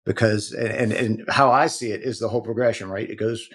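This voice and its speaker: A man speaking as a guest in an interview, explaining in an earnest, halting way with many repeated words. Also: on the low side, fairly even intonation, fairly bright tone, breathy edge. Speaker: protective intelligence executive, guest. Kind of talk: conversational interview talk.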